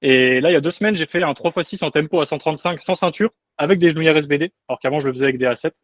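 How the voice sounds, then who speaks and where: A man's voice: a little high, racing, dry recording. A young adult man, a guest coach, chatting in a laid-back, joking way on a podcast. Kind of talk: casual podcast chat.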